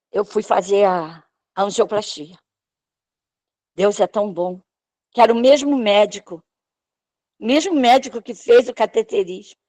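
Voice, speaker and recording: A woman tells her healing testimony at a church service. She speaks slowly and with emotion, raising her voice to act out the doctors' words. Her voice is recorded close and dry, with no room sound. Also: medium pitch, a little mellow, dry recording. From Brazil. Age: 60s. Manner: emotional storytelling, acting out the doctors' lines. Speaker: church member giving testimony.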